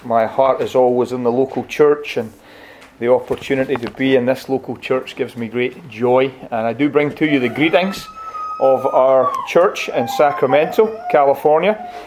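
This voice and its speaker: A middle-aged Scottish man, a visiting pastor, giving a warm, conversational, gently humorous sermon in a church and reading scripture aloud. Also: mid-range voice, wildly swooping pitch, moderate pace, slight background noise. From Scotland. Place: church sanctuary.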